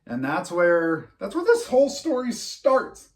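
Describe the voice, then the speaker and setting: Guy rambling on a history podcast, kinda high voice, sounds a bit off-mic. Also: huge pitch swings, measured pace, recorded from a distance. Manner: rambling, laughs at his own jokes. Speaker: podcast co-host. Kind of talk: casual chat.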